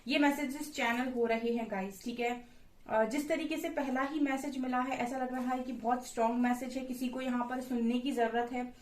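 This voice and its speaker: A woman giving a casual tarot reading to her viewers, calm and reassuring, often repeating little fillers like "guys" and "okay". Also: a little high. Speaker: tarot reader. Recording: echoey room from far off the mic.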